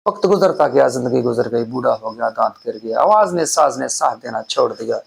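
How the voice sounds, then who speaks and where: A man's voice: medium pitch, animated, vocal fry, slightly rough. A man telling a devotional story as a preacher, his delivery fervent and building to emotional peaks. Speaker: preacher, channel host.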